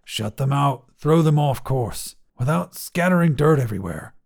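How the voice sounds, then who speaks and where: A man's voice: mid-range voice, expressive, normal speed, creaky. A man reading a story, voicing an uneasy but determined male leader of a land heist who gives clipped, strained commands.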